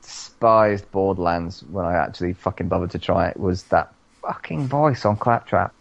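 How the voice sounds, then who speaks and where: Podcast dude, gravelly low voice, sweary and sarcastic, kinda dull lo-fi audio. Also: male voice, normal speed, dry recording. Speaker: podcast co-host. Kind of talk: casual podcast chat.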